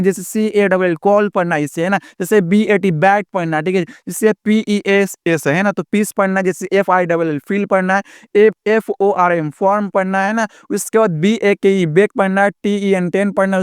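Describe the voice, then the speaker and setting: High, clear-voiced man teaching a lesson. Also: no echo, clean studio sound. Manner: repetitive, drawn-out classroom explaining with many fillers. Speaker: English teacher. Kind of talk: casual spoken lesson.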